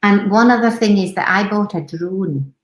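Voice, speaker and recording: A woman's voice: mid-range voice, normal speed, slight background noise. A woman from the Hebrides with a Hebridean Scottish accent, chatting as a musician guest in a casual interview. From Hebrides, Scotland. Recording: roomy, echoing sound.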